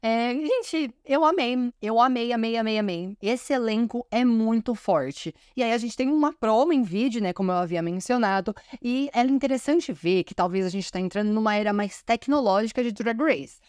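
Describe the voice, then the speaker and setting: A woman's voice: a little high, normal speed, few pauses, darkish tone, smooth, no room sound, clean studio sound. A woman from Brazil hosting a podcast, chatting enthusiastically and often calling out to her listeners. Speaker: podcast host. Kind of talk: casual podcast commentary.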